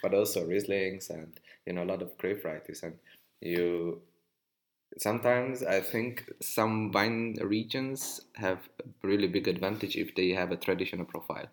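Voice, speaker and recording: A man's voice: low-pitched, normal speed. A man from Hungary who works as a sommelier, talking casually and rambling with many restarts. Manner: rambling, restarts often, asks for agreement. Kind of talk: casual conversation.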